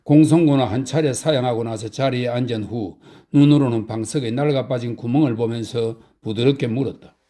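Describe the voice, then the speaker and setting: A middle-aged man with a medium-pitched voice reads a short story as a calm sleep audiobook. His delivery is slow, soft and even, suited to bedtime.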